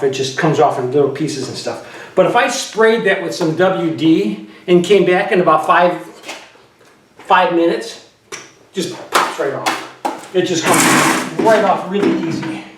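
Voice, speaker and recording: Joking drywall pro in an echoey garage. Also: male voice, high-pitched. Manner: joking, rambling storyteller. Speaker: drywall finisher and show host. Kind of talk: casual how-to demonstration. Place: garage under repair. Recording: echoey garage, distant mic, noisy.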